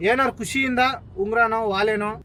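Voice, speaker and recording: A man's voice: extremely high pitch, fairly even intonation, brisk, bright, forceful tone. A man pulling a hidden-camera prank in a car while posing as a holy man, talking in a coaxing, insistent way. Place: inside a car.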